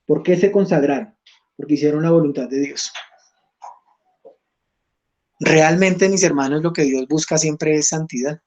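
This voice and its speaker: A man's voice: fairly high pitch, measured pace, long pauses, darkish tone. A man teaching an online Bible study class, reading scripture aloud and checking in with his listeners.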